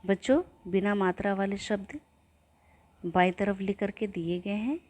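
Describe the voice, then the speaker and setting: A woman teaching young children, chanting rhymes and sounding out syllables in a slow sing-song way so they can repeat after her. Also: medium pitch, darkish tone. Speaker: primary school teacher.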